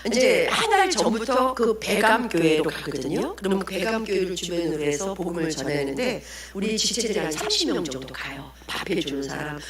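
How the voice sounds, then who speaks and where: Animated woman evangelist telling a testimony. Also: lowish voice. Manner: lively storytelling, acting out quotes. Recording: echoey hall with audience.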